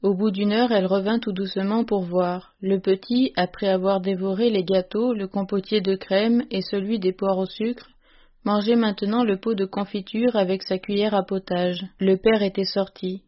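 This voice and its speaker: A woman narrating a classic story in a measured, even literary reading. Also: medium pitch. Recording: dull, lo-fi recording.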